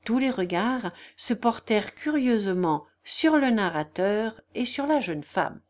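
Slow, measured woman narrator. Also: on the high side, lively intonation. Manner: measured, unhurried reading. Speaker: audiobook narrator. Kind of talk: scripted narration of a classic novel.

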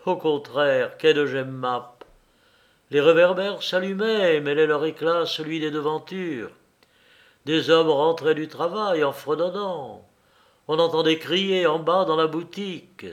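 A man reading a novel aloud as narrator, in measured, unhurried storytelling. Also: fairly high pitch, highs cut off.

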